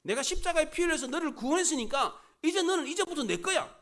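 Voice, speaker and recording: A male pastor speaking as the Lord, calmly reassuring a believer. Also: very high voice, fast, voice pushed up, full character voice.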